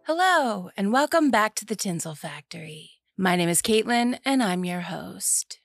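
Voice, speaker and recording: A woman's voice: medium pitch, lively intonation, normal speed, vocal fry, faint music behind. A woman hosting a podcast in a casual, chatty way, using a polished customer-service phone voice with wry asides. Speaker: podcast host. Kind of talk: casual solo podcast talk about films and entertainment news.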